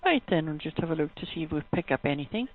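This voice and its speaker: Rapid-fire and low-voiced with lively intonation, this woman works on a sexual health helpline. She explains matters in a matter-of-fact way during a phone advice call, heard through a muffled, tinny line.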